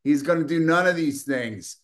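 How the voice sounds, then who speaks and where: A man's voice: fairly high pitch, moderate pace, a bit bright. A middle-aged man hosting a political commentary show, delivering a combative, scornful and profane opinion monologue, with occasional coughing.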